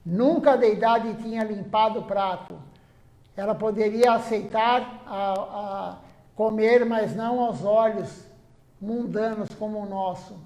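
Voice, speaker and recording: High-voiced man preaching in an echoey hall. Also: fairly even intonation, a little slow, darkish tone. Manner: earnest, repetitive emphasis. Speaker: temple speaker. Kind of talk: devotional sermon with storytelling. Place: temple hall.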